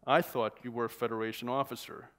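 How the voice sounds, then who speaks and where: A man reading aloud from a novel, voicing a smooth, courteous older male smuggler who smirks through his words. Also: medium pitch, flat delivery, fast talker, a bit bright, close to an everyday voice. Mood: suave. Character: urbane older male drug smuggler, smug and polite.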